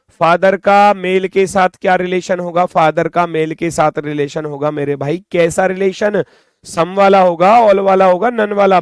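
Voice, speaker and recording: A man's voice: a little high, no room sound, studio quality. Hindi-speaking man teaching exam reasoning. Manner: repetitive, coaxing, addresses students as bhai and beta. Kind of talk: exam-prep class lecture.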